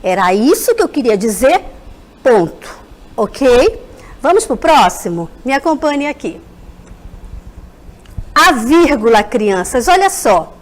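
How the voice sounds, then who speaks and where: A Brazilian woman teacher giving a televised school lesson, speaking to the children in an animated way and addressing them directly. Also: fairly high pitch, takes it slowly, long pauses.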